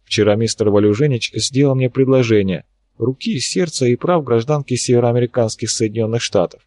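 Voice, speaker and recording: A man's voice: mid-range voice, brisk, dark tone, no echo, lightly acted. A man reading an audiobook, voicing a wry, worried young woman scientist in a lightly raised voice with a musing, ironic manner.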